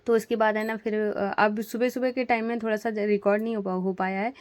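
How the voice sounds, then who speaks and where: A woman's voice: medium pitch, little pitch movement, brisk, a little mellow, no echo. A woman in her thirties chatting through her morning routine in a casual home vlog, homely and full of little fillers. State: slightly hoarse throat. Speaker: vlogger, housewife. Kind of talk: casual voice-over vlog narration.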